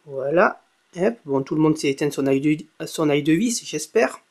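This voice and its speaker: A man's voice: fairly high pitch, animated, moderate pace, darkish tone. A young man giving a casual spoken tech tutorial, chatty, with many fillers and self-corrections. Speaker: tech video blogger. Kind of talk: casual screen-recorded tutorial.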